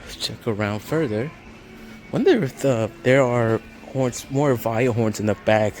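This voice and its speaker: A man vlogs his stroll through a large hardware store, offering casual, unscripted remarks as store music plays behind him. His mid-range voice is a little mellow and lively in intonation, and he speaks a touch slowly.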